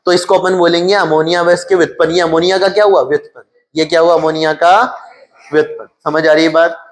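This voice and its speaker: A man's voice: fairly high pitch, flat delivery, fast. A male chemistry teacher with a Hindi accent lecturing his class. He keeps asking questions and answers them himself, repeating the key terms.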